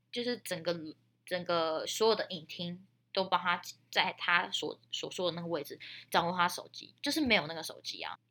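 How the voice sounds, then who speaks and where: Casting: young female podcast host, Taiwanese Mandarin accent, lowish but bright and forceful tone, colloquial storyteller. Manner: chatty, colloquial, emphatic. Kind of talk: casual storytelling with friendly advice.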